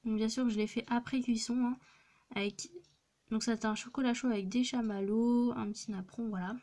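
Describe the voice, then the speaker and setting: A young teenage girl vlogs her clay crafts in a casual show-and-tell, her voice a little high, dark in tone, and fairly even, moving a little fast. She hesitates a lot, with many fillers and restarts, and it was recorded on a phone.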